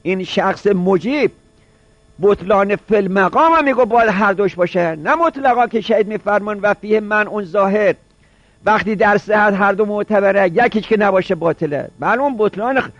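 High-voiced man lecturing, dull lo-fi sound. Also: no echo. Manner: repeats each point, poses rhetorical questions. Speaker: seminary teacher. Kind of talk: jurisprudence lecture.

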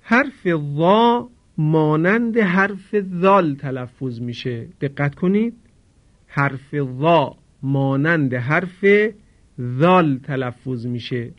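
A man teaching Quran recitation in a formal radio lesson, slowly demonstrating how to pronounce each sound. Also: medium pitch. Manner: slow, careful demonstration of sounds; formal and polite. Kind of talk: radio lesson on Arabic pronunciation. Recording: dull lo-fi radio recording.

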